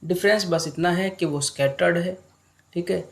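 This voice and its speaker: A young man teaching an exam-prep lesson online in a relaxed, unhurried way, mixing English terms into his talk. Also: high voice, vocal fry.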